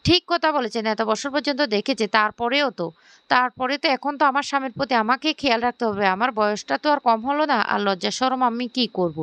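A woman's voice: a little high, quick pace, fairly bright tone, clean tone, dry recording. A woman voicing a scheming, pushy middle-aged woman who fusses insistently over a man. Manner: fussing, sweetly insistent.

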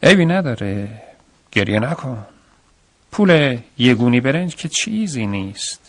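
A man playing a gentle patient father. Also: mid-range voice, no echo. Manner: calm and gentle, slow and comforting. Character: patient, kind village father, middle-aged man.

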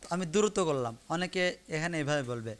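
A man's voice: fairly high pitch, expressive, fast. A man teaching Quran reading in an online class, patiently repeating each syllable for learners to follow. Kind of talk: online lesson teaching Arabic letters. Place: online live class broadcast.

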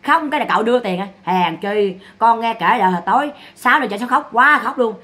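A woman's voice: a little high, lively intonation, fast talker, bright, forceful tone. A woman giving mocking, scolding gossip commentary. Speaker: online commentator.

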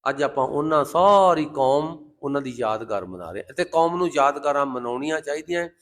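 A man delivers a fervent Sikh sermon in a fairly high voice. He slows down to intone scripture lines. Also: expressive, fairly bright tone. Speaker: Sikh preacher. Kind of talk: Gurbani sermon with sung scripture quotes.

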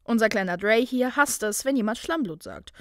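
A woman's voice: fairly high pitch, expressive, normal speed, dry recording, clean studio sound. A woman voicing a cocky, teasing young male wizard student. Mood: jovial. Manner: loose, teasing, mocking.

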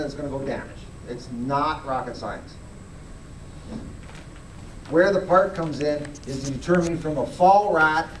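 Addressing an audience in a big, echoey indoor hall, a middle-aged man demonstrates fur grading live, speaking in a fairly high voice. He keeps it plain-spoken and frequently asks listeners to take a closer look, recorded by a camera far off with a little hiss or hum.

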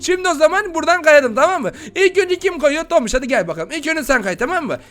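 A man hosting a Minecraft role-play, excitable, shouty and playful as he talks to viewers. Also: very high-pitched, fast. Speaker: gaming channel host.

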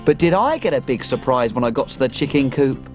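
Rumbling low yet sing-song, this woman's voice is brisk and a little mellow over soft background music. She acts the part of a tiny, happy cook on children's TV, spinning stories in a bubbly, cheery sing-song style.

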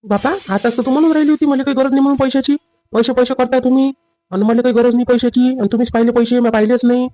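A man playing a dutiful husband and son in a family drama skit, with a rapid, lecturing manner. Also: extremely high pitch, steady tone, dark tone.

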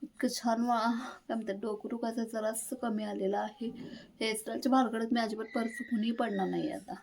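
A woman's voice: on the high side, fairly even intonation, brisk, darkish tone, rough recording. Chatty young mother, homely vlog talk. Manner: chatty, homely, talks straight to viewers. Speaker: vlogger. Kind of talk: casual home vlog chat. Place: home, indoors. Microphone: phone held at hand.

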